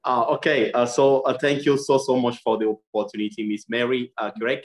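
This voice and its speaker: Casting: young man from Cameroon, earnest and halting, video call guest. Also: medium pitch, fairly even intonation. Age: young adult. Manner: earnest, many fillers and restarts. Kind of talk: interview over video call.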